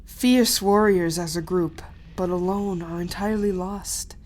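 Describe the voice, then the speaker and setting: A woman voicing a commanding dragon queen in an animated fantasy, imperious, measured and smoothly condescending. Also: lowish voice, close to an everyday voice. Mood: musing, lecturing. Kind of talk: animated fantasy drama acting.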